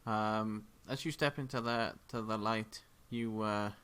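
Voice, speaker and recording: A man acting as game master, narrating a tabletop game casually in a hesitant, halting way. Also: lowish voice, fairly even intonation, a crowd in the background.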